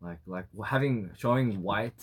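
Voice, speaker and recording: A man's voice: on the low side, moderate pace, breathy edge. A man with an Australian accent co-hosting a casual chat, talking with many fillers and restarts. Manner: hesitant English with many fillers. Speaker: radio co-host.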